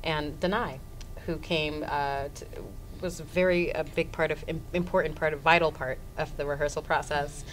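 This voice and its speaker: A woman from Florida with a Haitian family, a stage actor talking casually in an interview and pausing often with many ums. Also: sits low, steady tone, slight background noise, rough recording. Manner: hesitant, many ums, idealistic.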